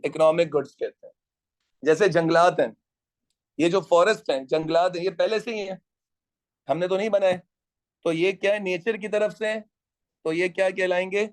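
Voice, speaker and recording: A man's voice: high voice, fairly even intonation, normal speed, long pauses. A man teaching an economics class, lecturing and quizzing students and teasing latecomers.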